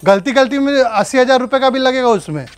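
A man's voice: very high-pitched, animated, quick pace, no echo. A man staging an angry argument at home, scolding and threatening someone. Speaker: prankster husband.

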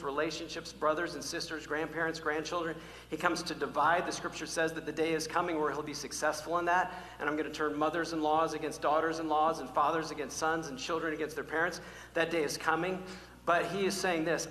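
A male pastor preaching a sermon to his church, emphatic and repetitive, swinging from loud calls to hushed, almost whispered lines. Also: on the high side. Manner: emphatic, repeats key words, varies from loud calls to near-whisper. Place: church sanctuary. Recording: echoey hall, faint hum.

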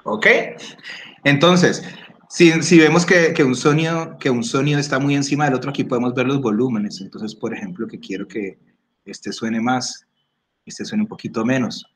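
A man giving a casual screen-recorded app tutorial, explaining step by step, often checking in and clearing his throat. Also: mid-range voice, moderate pace, a little hiss or hum. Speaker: workshop instructor. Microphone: computer or phone microphone.

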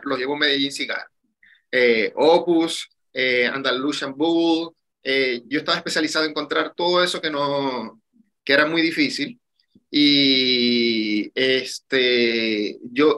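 Speaking over a webcam on a video call from a small room, a cigar shop owner in his thirties talks casually, drawing out phrases and leaning on lots of fillers. His voice is mid-range, with a pushed, bright quality.

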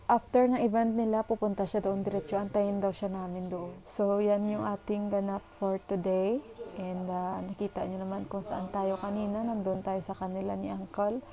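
A woman's voice: medium pitch, dark tone. A woman from the Philippines, talking casually to her vlog viewers from home on a handheld phone camera and calling them "guys" every few words. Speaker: vlogger. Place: home, indoors.

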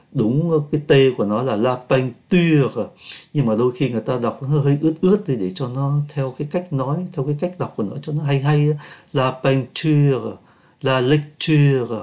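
Man teaching French words slowly. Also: medium pitch, a little mellow. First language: Vietnamese. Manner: says French words slowly, then explains them. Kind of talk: explaining vocabulary and pronunciation.

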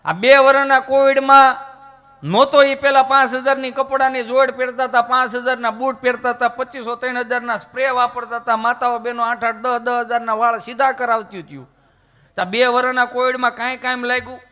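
A man's voice: very high voice, flat delivery, a little fast, sharp tone, clear, resonant tone, long reverb tail. A man telling folksy comic stories on stage, acting out characters as he goes. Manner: folksy, voices characters in anecdotes. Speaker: comedian. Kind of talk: comic storytelling to a live audience.

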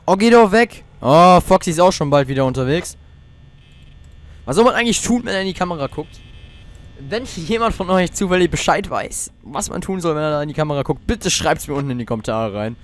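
A man's voice: a little high, lively intonation, a little fast, slight background noise. A teenage boy playing a horror game, jumpy and swearing often as he talks to his viewers. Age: teens. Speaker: let's player.

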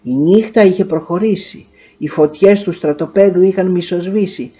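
A woman narrating a literary short story in a measured, expressive reading. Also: on the low side, highs cut off.

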